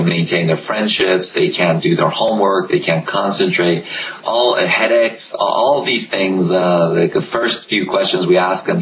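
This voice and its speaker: A man working as a pediatrician, explaining things in an interview with frequent "uh"s. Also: sits low. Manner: explanatory, many filler "uh"s. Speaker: pediatrician guest. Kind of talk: interview answers. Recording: echoey, distant mic with noise.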